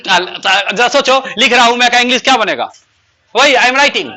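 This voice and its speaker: A man teaches grammar to a class. His voice sits high and sounds sharp and forceful. He peppers his pupils with questions and slows right down to stress each English example sentence. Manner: asks pupils constant rhetorical questions; says English example sentences slowly and emphatically.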